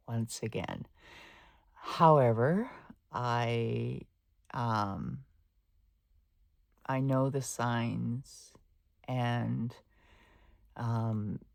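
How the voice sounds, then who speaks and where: Older woman, vlog chat, breathless, gravelly, slow and halting. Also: a bass voice, darkish tone, no room sound. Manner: halting, with many ums and restarts. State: short of breath. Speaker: planner vlogger.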